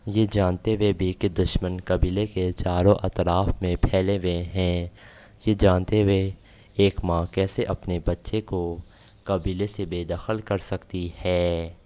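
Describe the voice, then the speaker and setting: A man's voice: low-pitched, level tone, mellow, lightly acted. A man voicing a grieving, angry pregnant young wife, reading her lines plainly in his own voice. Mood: angry grief. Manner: plain read-out of a quoted line.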